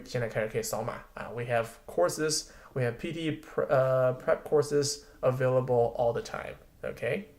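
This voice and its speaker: A man teaching an online test-prep lesson in a relaxed, chatty way, switching between Chinese and English mid-sentence. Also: medium pitch. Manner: relaxed, chatty, with frequent fillers.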